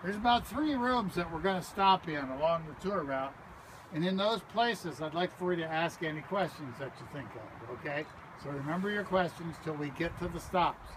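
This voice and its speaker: A man working as a park ranger leads a group through a cave, explaining things patiently and often checking in with them. His voice sits fairly high. The recording is roomy and echoey, with loud background noise around him. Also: animated, normal speed. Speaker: park ranger tour guide. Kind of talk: guided cave tour talk. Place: visitor center lobby, then inside a cave.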